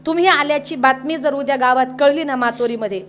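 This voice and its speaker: A woman voicing an anxious village wife who speaks in an urgent hush, inside a sung sermon. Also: high voice, fast talker, soft background music. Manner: urgent hushed whisper-like speech.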